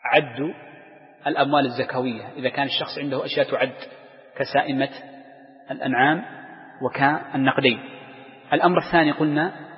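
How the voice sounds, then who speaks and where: A man's voice: medium pitch, fairly even intonation, fast talker, long pauses. A man teaching jurisprudence to a class, explaining step by step with worked examples and questions to his students. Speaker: sheikh teaching Islamic jurisprudence. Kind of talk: lecture to students. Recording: dull lo-fi recording with long hall reverb.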